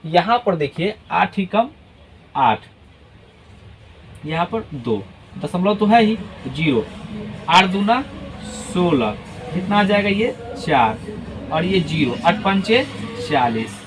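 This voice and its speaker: A man with a high voice teaches a math class patiently, one step at a time. He reads numbers out slowly, digit by digit, and keeps checking that his students follow. Faint traffic hums in the background. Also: very animated. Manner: patient, step-by-step explaining, often checks with "ठीक है ना".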